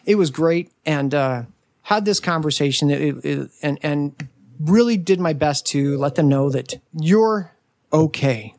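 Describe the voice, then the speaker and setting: A man in his forties on a podcast, telling a family story in a casual, animated way and acting out what others said. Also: on the high side, a little slow, no room sound, studio quality. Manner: animated, acts out family quotes. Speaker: podcast guest.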